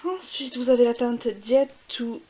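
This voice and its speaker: A woman's voice: on the high side, measured pace, warm tone. Chatty French woman swatching makeup. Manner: chatty, hesitant, many fillers. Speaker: beauty vlogger. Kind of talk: casual makeup swatch demo. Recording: faint hiss.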